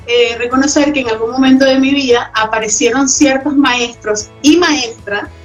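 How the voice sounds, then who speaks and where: Venezuelan woman guest, reflective and high-pitched, muffled lo-fi audio. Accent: Venezuelan Spanish. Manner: reflective, often adds tag questions. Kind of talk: casual interview chat.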